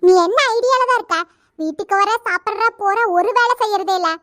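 A caring village mother, voiced by a woman in a cartoon comedy, high-pitched and motherly. She coaxes and scolds in turn, recorded close and dry. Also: quick pace, darkish tone, no echo, natural voice. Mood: scolding. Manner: coaxing, motherly. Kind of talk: cartoon voice acting.

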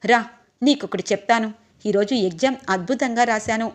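A woman's voice: a little high, normal speed, close to an everyday voice. A woman reading the lines of a spirited young wife who stands up for her husband. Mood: defiant. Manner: defiant.

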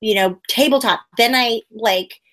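Talking a little slowly with a somewhat bright tone, a woman in her forties who works as a puppeteer shares stories as a guest on a casual video-call interview from home. She acts out quotes, breaking into sudden high squeals.

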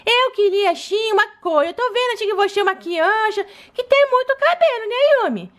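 A woman voicing a cheeky, scheming baby doll girl in a toy play video, in a high childlike voice. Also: expressive, a little fast, a bit bright. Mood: wheedling.

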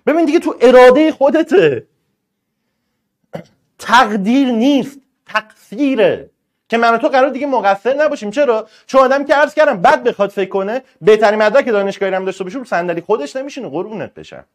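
A man with a high voice lectures students in a lively, colloquial way. His urging rises loud and pressing, then drops to gentle asides. He sounds like a teacher giving a motivational talk on a live stream. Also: few pauses. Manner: emphatic, colloquial, swings between loud urging and soft asides. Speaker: exam-prep teacher.

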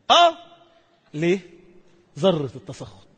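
Egyptian male preacher, high and passionate, fast storytelling, long hall echo. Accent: Egyptian Arabic. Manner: impassioned, rapid storytelling with sudden emphatic rises. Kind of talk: Islamic sermon.

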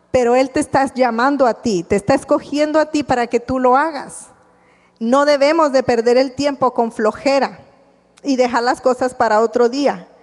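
A woman preaching a sermon, telling stories and acting out the dialogue. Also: high-pitched. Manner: storytelling with acted-out dialogue. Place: church. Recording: live church recording with long reverb.

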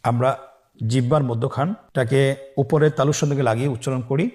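A patient, instructive man from Bangladesh records a Quran lesson, stretching out each letter name at full volume for listeners to copy. His mid-range voice moves at a brisk pace.

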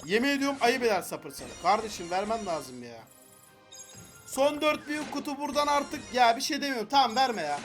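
A young man giving excited gameplay commentary, frustrated and pleading with the game as he opens loot boxes. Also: extremely high pitch, brisk, faint music behind. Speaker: gaming YouTuber.

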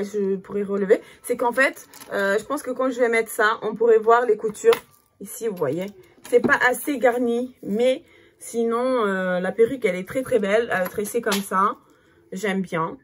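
A woman in her thirties with a Cape Verdean Portuguese accent chats casually to the camera like a vlogger, her fairly high voice moving a little slowly. She fills her talk with lots of fillers and gets distracted by her child, with slight noise in the background.

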